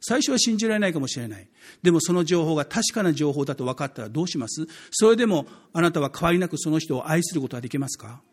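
Husky-voiced man preaching a lively sermon. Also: fairly high pitch, quick pace. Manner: conversational, asks the congregation questions; acts out quoted speech in lively voices. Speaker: pastor.

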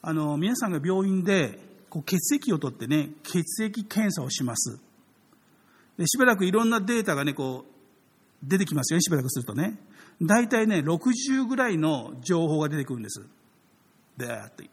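A man's voice: a little high, very animated, moderate pace, slightly rough, in a large hall. A man preaching a sermon as a pastor, speaking conversationally and drawing the congregation in with frequent questions. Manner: conversational, addresses the audience with frequent tag questions.

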